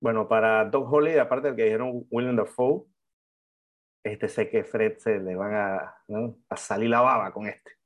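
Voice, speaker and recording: A man's voice: fairly low pitch, steady tone, normal speed. A man co-hosting a casual film podcast, playful and teasing with his picks. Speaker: podcast co-host.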